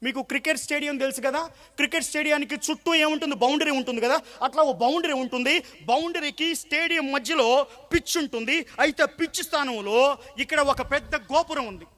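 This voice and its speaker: Male pastor, very high bright voice, emphatic sermon, repeats phrases, asks rhetorical questions. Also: fairly quick.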